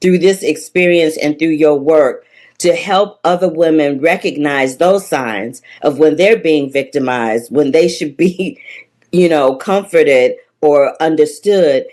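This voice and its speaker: A woman hosting a podcast, asking earnest, thoughtful interview questions at a measured pace. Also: sits low, a little mellow.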